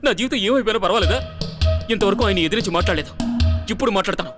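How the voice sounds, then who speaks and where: A man's voice: high voice, expressive, very fast. An actor in his twenties playing an earnest young graduate who pleads and pushes back against his father's plans, in a film scene with music behind. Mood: pleading defiant. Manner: earnest, pleading then defiant. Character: young man defying his father over an arranged marriage. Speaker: son, engineering graduate. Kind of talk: film drama acting. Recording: film dialogue over music.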